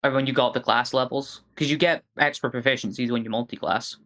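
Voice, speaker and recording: A woman's voice: very deep voice, fairly even intonation, a little fast, a bit bright. A woman talking casually as a player in a tabletop role-playing game.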